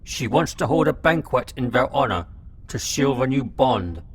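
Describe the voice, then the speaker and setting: In a radio drama, a man voices a talking locust who serves as a gossipy messenger, reporting gravely in an expressive voice at a moderate pace. A low rumble sits under otherwise clear background noise.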